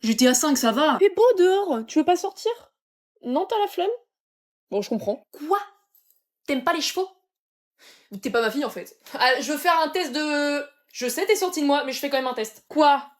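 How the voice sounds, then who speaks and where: Young adult woman, high-pitched, sarcastic, quick character switches, comedy sketches.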